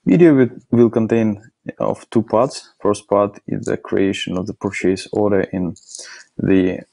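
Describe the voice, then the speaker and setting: Man, low voice, hesitant fillers, step-by-step demo narration. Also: a little slow, gravelly, mellow. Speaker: software demonstrator. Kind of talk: screencast product demo narration.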